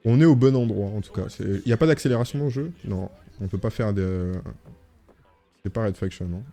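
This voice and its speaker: A man's voice: lowish voice, fairly quick, warm tone, faint music behind. A male streamer chatting casually as he plays a game, reading text aloud and joking. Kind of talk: gaming livestream commentary.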